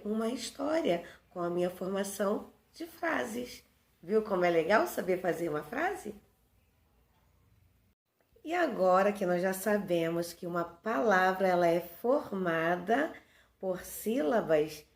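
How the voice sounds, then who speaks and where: A woman with a Brazilian Portuguese accent teaches young children a recorded review lesson, speaking slowly and unhurriedly. She patiently asks questions and then answers them herself. Her voice sounds roomy and echoey, as if recorded in a bare room. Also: mid-range voice, darkish tone. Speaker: primary school teacher.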